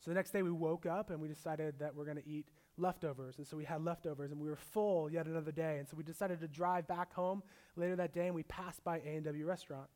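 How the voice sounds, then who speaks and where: A young man preaching a sermon as a pastor, mixing scripture with a relaxed personal story. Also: fairly high pitch, quick pace.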